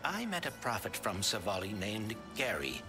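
A man's voice: on the low side, very animated, normal speed. A man voicing a small, brainy robot sidekick with precise, formal, mild speech in video game dialogue over music. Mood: calm, polite.

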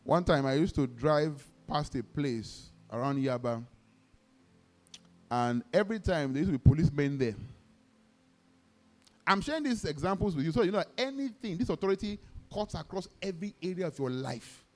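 A Nigerian-accented male pastor delivers a sermon in a somewhat high, lively voice that swings widely in pitch. He punctuates his stories with shouts of praise and acts out the conversations he tells. He leads the congregation in repeating declarations back to him. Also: normal speed. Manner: exclamatory, peppers talk with praise shouts; vivid storytelling, acts out dialogue.

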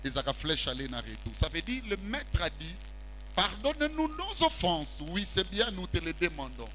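The congregation of a large church hall responds as a middle-aged preacher walks the stage, preaching in French and Lingala at a moderate pace. His bright, high voice makes big pitch swings, climbing and swooping into a handheld mic, over a faint background hum.

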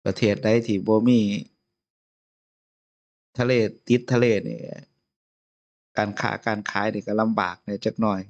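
Isan-accented monk, low voice, muffled. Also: male voice, steady tone, measured pace, pauses often. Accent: Isan Lao. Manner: chatty, chuckles often. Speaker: abbot giving a Dharma talk. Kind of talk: informal sermon.

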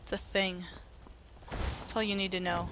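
A woman's voice: mid-range voice, little pitch movement, unhurried, noisy background. A young woman giving playful, sarcastic commentary over her gameplay, narrating her character in the third person. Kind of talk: playful let's-play commentary.

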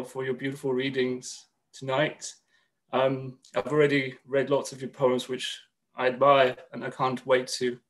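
A man in his thirties from Greece, a poet speaking with slightly nervous earnestness and reading his poems in a measured way on a video call from a room at home. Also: medium pitch. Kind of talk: poetry reading at an online launch.

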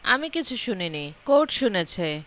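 A woman reading the lines of a tearful, pleading older father-in-law in a serial recap, in a slightly high voice. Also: very animated, moderate pace, fairly bright tone. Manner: pleading, emotional.

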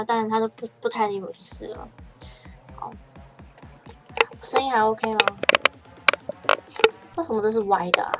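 A young woman in her twenties with a Taiwanese Mandarin accent, chatting casually on a livestream from home in a rambling way, often stammering and restarting her sentences. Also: on the high side.

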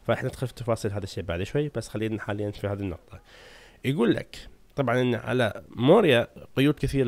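A man's voice: medium pitch, a little mellow, no room sound. A man explains game lore at a breakneck clip, chatty and always checking in with his viewers. His voice is recorded dry and close, with no room sound around it. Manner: chatty, asks the audience "right?". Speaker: gaming channel host.

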